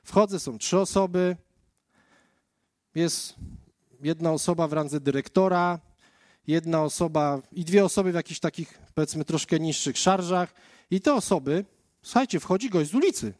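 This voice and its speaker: Pitched fairly high with a darkish tone, the man talks at normal speed but leaves long pauses, recorded in studio quality with no room sound. His sermon is conversational, built around telling his own testimony while speaking straight to those listening.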